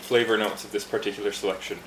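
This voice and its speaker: In an echoing room with steady noise underneath, a man shows how to brew tea from behind a bar. His voice is fairly low, and his English, his first language, comes out chatty and relaxed, with frequent pauses and fillers in this casual how-to.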